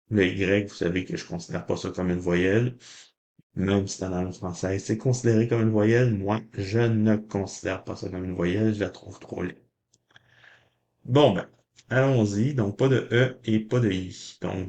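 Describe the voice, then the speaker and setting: A man with a Québécois French accent, chatting casually to viewers as he scratches lottery tickets and reads out the symbols and letters. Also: on the low side. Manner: chatty, addresses viewers as ladies and gentlemen, mild mock drama. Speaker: lottery scratch-card vlogger.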